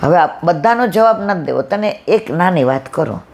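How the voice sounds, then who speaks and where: A middle-aged woman speaks. She tells a devotional story in a lively way and acts out both sides of a conversation. A faint hiss sits under her voice. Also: lowish voice, normal speed. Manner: lively storyteller acting out dialogue. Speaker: satsang speaker.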